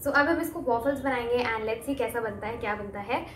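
Speaking fairly quickly in a fairly high voice, a twenty-something Indian-accented home cooking vlogger mixes Hindi and English as she casually talks viewers through a cook-along. A phone camera a few feet away records her in a small curtained room at home, picking up echo and background noise.

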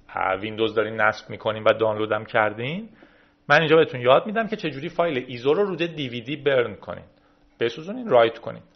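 Chatty man walking through a software install. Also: medium pitch, dull audio. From Iran. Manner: chatty, explains steps while clicking through menus. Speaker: tech video host. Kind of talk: casual screen-recorded tutorial.

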